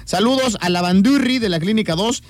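A man's voice: sits high, a little fast. A man with a Mexican accent co-hosting a casual livestream, reading viewer comments aloud and joking in slang. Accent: Mexican Spanish.

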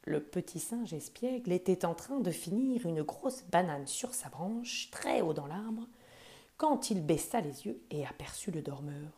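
Mellow woman reading a children's story. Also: on the low side, lively intonation, unhurried. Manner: gentle, speaks to the child directly.

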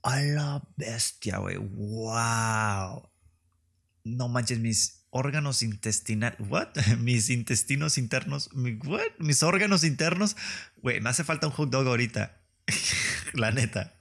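Podcast host, young Mexican man, mid pitch, slangy comic storyteller who acts out the people in his stories. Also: a little slow, creaky. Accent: Mexican Spanish. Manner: slangy, profane, animated storytelling with put-on voices. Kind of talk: casual comedic monologue.

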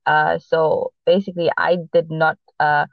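The sound is dry and echo-free, somewhat dull like lo-fi audio, as a woman co-hosts a casual sports podcast. Her low voice has vocal fry and a level tone, and her accent mixes Portuguese, her first language, with South African and American influences from Boston, Los Angeles, and South Africa. She talks haltingly, restarting often with fillers.

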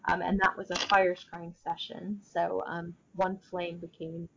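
A woman speaking as an interview guest, explaining her own practice casually in halting, thoughtful phrases. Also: on the low side, little pitch movement, vocal fry, dull audio, noisy background.

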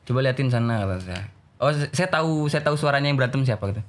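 Young male teacher, rapid casual storyteller who jumps into character voices. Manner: animated, acts out voices of students in a raised pitch. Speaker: religious school teacher.

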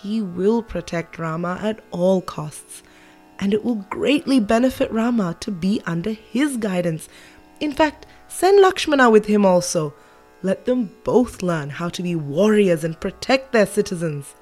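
A wise old teacher speaks softly and gently, as a woman voices him. He is calm and reassuring, a figure from a children's storybook. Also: medium pitch, unhurried, soft background music. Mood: gentle. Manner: gentle, soft-spoken.

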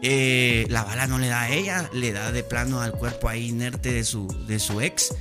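A man's voice: mid-range voice, normal speed, music in the background. A young Guatemalan man hosting a podcast, telling stories in casual, slangy, playful chat. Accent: Guatemalan Spanish. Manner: animated, slangy, playful storytelling. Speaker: podcast host.

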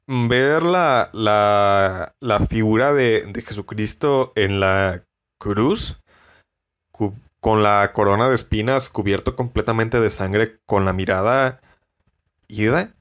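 A young man from Mexico with a Mexican Spanish accent, talking alone on his podcast in a reflective, halting way with many restarts. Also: mid-range voice. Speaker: podcast host. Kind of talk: reflective solo podcast monologue.

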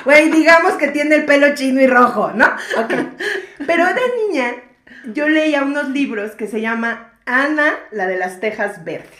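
A woman's voice: sits high, animated, moderate pace, fairly bright tone, echoey room. A woman with a Mexican accent, co-hosting a casual book chat, slangy and laughing often. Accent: Mexican Spanish. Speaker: podcast co-host. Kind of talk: casual chat about books.

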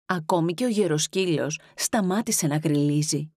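A woman narrating an audiobook excerpt of a children's animal tale, expressive and giving the animals their own voices. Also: sits low, dry recording, clean studio sound. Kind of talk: storybook reading.

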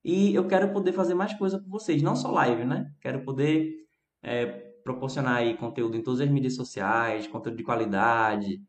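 A man teaching English on a live phone stream, reading English lines slowly and chatting in between with viewers. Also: medium pitch, roomy sound. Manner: slow careful English reading, chatty Portuguese asides.

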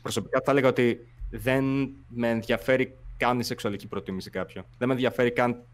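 A man's voice: medium pitch, steady tone. A man in casual podcast chat, talking carefully and hesitantly, often restarting his words.

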